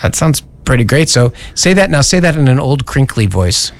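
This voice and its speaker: A radio show host chatting casually, with a halting, playful way of prompting a co-host. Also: medium pitch, big pitch swings.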